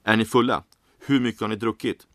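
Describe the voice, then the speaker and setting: A man voicing a stern, gruff male bartender in a read-aloud story, speaking louder and more sharply than the narration. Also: lowish voice, steady tone, dry recording, studio quality, pitched above the performer's own voice, lightly acted. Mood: scolding. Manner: gruff, scolding.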